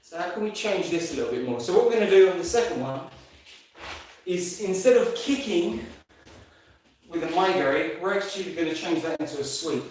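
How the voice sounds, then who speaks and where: A man's voice: on the high side, expressive, a little fast, darkish tone. A man instructing a live martial arts class, giving clipped commands and counts between explanations. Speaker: karate instructor. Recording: very echoey room, far from mic, faint noise.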